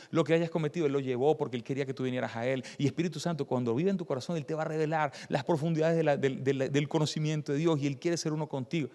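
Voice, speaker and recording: A man giving a workshop sermon and telling a story with animated delivery, his voice moving between loud cries and quiet, stressed words. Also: on the high side. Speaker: preacher leading a church workshop. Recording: long hall reverb.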